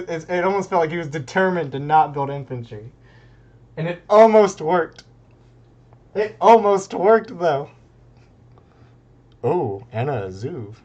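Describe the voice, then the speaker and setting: A man's voice: fairly high pitch, dull audio. A man casting a strategy game tournament live, rambling casually with lots of fillers and frequent laughter. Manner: laid-back and rambling, laughs often, many fillers. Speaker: esports caster.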